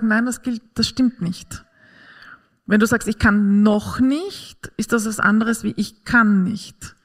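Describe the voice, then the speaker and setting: A woman's voice: fairly high pitch, fairly bright tone. A woman giving an earnest, encouraging faith-based talk on parenting to an audience.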